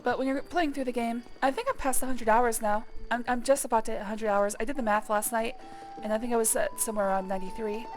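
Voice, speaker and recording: A woman streaming a video game, talking casually through her play with joking asides and quick apologies. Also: fairly high pitch, fairly even intonation, soft background music. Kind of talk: casual let's-play commentary.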